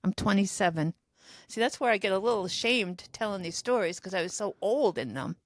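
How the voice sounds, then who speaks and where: A woman's voice: mid-range voice, expressive, brisk, no room sound. Older woman rambling through an anecdote. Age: 70s. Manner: rambling, self-deprecating storyteller. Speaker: podcast co-host telling diary stories. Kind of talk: casual storytelling chat.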